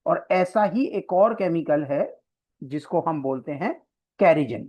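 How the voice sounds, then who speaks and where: A coaching teacher at a classroom board walks through an exam-prep biology lesson step by step, pausing often to check that students follow and mixing English terms into the explanation. The voice sits at a middle pitch, and the recording sounds a little dull and lo-fi. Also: expressive. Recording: slightly dull lo-fi lecture recording.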